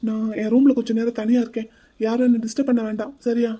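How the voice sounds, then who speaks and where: A man voicing a troubled young man in an animated drama, speaking earnestly and with distress. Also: very high voice, fast talker.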